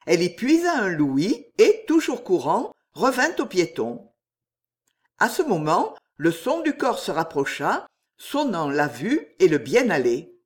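A woman reads a historical novel aloud in a measured, expressive storytelling manner. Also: on the low side. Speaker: reader.

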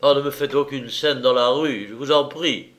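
A man's voice: mid-range voice, measured pace, a bit bright. A man voicing a cold, arrogant aristocratic baron who speaks curtly. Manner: curt and cold.

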